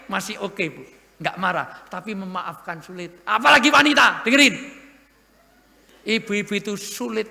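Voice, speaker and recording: A man preaching a humorous sermon to an audience, lively and joking, with sudden loud emphasis. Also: high voice, creaky. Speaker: Islamic preacher. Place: large hall at an event. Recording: echoey hall with long reverb.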